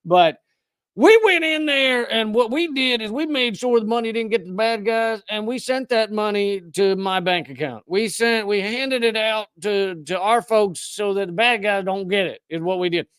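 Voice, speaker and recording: A folksy, self-satisfied military spokesman with a broad Southern US drawl, as a man puts him on. He talks up high and loud in a slow, smug, mocking way, and the sound is clean and dry. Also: clear, resonant tone, no echo.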